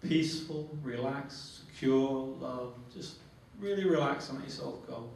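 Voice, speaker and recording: A man's voice: mid-range voice, measured pace, darkish tone. Male trainer in a very echoey room. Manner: instructive, repeats phrases and checks with "okay". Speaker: phobia therapy trainer. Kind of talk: live training demonstration with guided relaxation. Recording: very echoey, distant mic, faint noise.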